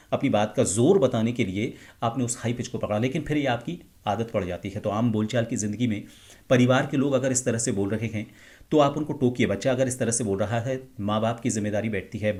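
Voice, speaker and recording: A middle-aged man teaching as a speech coach. He explains calmly and now and then acts out short example lines in a raised tone. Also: mid-range voice. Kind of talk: explanatory talk to camera.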